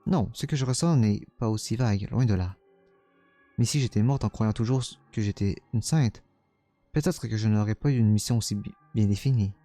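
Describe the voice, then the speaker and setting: A man's voice: lowish voice, warm tone, no room sound, faint music behind, lightly acted. A man voicing a cruel, taunting young female witch spirit while reading a game's dialogue aloud. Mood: scornful. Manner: mocking, teasing, slow and menacing.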